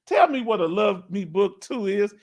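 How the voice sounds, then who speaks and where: Middle-aged man, Houston Texas accent, casual livestream host, easygoing and talkative, fairly high voice. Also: animated, normal speed, vocal fry. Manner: laid-back, chatty, laughs often. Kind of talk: casual live Q&A chat.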